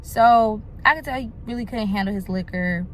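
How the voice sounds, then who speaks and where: A young woman vlogger telling a storytime monologue in a chatty, animated way, talking straight to her viewers. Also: medium pitch, moderate pace, slight background noise, low-quality recording.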